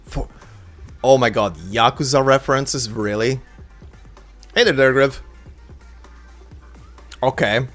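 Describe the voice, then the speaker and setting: Guy streamer chatting over a game, offhand, mid pitched voice, faint music. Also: slow, long pauses, fairly bright tone. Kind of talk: casual gameplay commentary.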